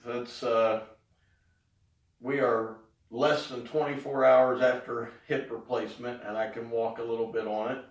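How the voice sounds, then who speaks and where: A middle-aged man giving a casual spoken update, talking haltingly with pauses in mid-sentence. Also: mid-range voice, little pitch movement. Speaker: vlogger giving a health update. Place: indoors in an echoey room. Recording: echoey room, distant mic.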